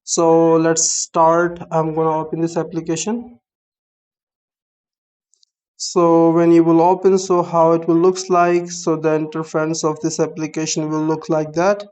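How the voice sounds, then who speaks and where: In this screen-recorded app tutorial, a young adult Pakistani app reviewer, a native Urdu speaker, talks with a flat, slightly high, clean-toned voice. His delivery is halting and explanatory, with lots of phrases beginning "so".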